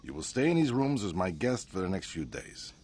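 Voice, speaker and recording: An actor playing a smooth, self-satisfied male crime boss who speaks in a grand, smug way. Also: sits low, sing-song, brisk, a little mellow, full character voice.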